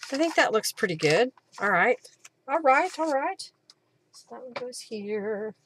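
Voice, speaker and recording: This rough recording has a little hiss or hum behind a woman of medium pitch and fairly bright tone. She hosts a craft livestream, informally talking herself and her viewers through each step as she works.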